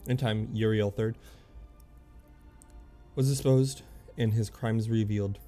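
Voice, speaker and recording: A man streaming a game, reading its lore aloud in a halting way, often stumbling and correcting himself. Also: lowish voice, fairly even intonation, mellow, faint music behind.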